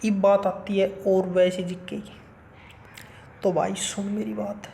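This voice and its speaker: A man's voice: high-pitched, flat delivery, slow pace, vocal fry, noisy background. A man giving blunt, colloquial exam-strategy advice as a coaching YouTuber. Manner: blunt, colloquial, keeps saying "bhai sahab".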